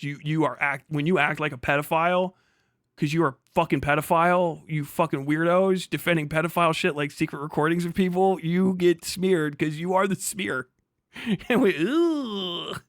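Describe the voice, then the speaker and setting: On a livestream, a man delivers combative, off-the-cuff reaction commentary, indignant and mocking, swearing heavily and repeating phrases for emphasis. His voice is on the high side and fairly bright, captured with studio quality and no echo.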